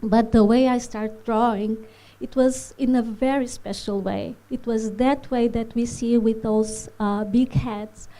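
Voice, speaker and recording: Poor audio captures the Portuguese animation filmmaker's slow, hesitant masterclass before a live festival-hall audience. Her high, mellow voice holds a steady tone, with frequent fillers and non-native phrasing.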